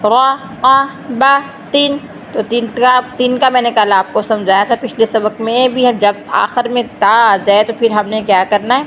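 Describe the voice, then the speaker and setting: A woman teaching Quran reading. She spells out syllables slowly, joins them, and explains quickly between the drills. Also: a little high, fairly even intonation, slight background noise, rough recording. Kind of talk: slow letter-by-letter recitation lesson.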